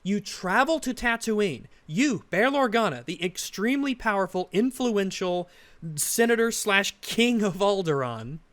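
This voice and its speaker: A man's voice: high-pitched, animated, a little slow, fairly bright tone. A man hosting a commentary video, ranting sarcastically in exasperated criticism of a show. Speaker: commentary channel host.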